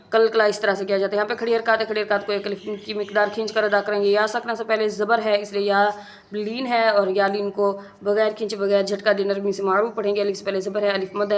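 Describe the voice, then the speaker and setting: A woman gives a methodical recitation lesson, going through each rule in turn. Her pitch sits in the middle and barely moves. She is patient and repetitive, as a teacher guiding students. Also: level tone. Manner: patient, methodical, repeats rules slowly. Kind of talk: step-by-step tajweed lesson.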